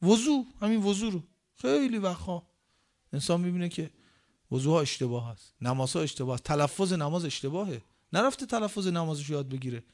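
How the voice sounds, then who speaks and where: Guy giving a sermon, kinda high voice, keeps asking the crowd questions, slows way down for scripture then punches words hard. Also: animated. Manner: rhetorical questions, recites Arabic scripture slowly; emphatic swings in pitch and loudness. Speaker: preacher.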